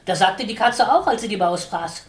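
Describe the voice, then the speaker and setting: A woman's voice: medium pitch, moderate pace, a little hiss or hum, lightly acted. A woman doing a cheeky, sneering city sparrow. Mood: mocking. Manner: dry, sneering, cocky. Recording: roomy, distant mic.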